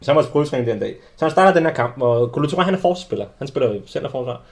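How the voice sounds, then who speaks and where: A young adult man hosting a casual sports podcast, telling lively anecdotes with many restarts. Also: medium pitch. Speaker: podcast host. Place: small studio.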